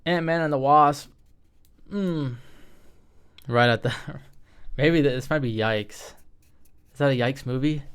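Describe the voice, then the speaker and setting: A man's voice: mid-range voice, takes it slowly, long pauses, clean tone. A young man giving casual, rambling commentary as he ranks movies into tiers, often cutting himself off and tossing in slang. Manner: rambling, self-interrupting, slangy. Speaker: video creator ranking movies. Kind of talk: casual tier-list commentary.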